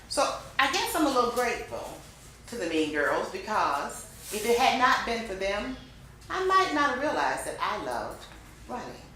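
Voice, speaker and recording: A woman teaching a speech club class, speaking expressively with lots of emphasis and rising and falling tone. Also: a little hiss or hum. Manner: expressive, varies pitch and emphasis. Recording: very echoey room.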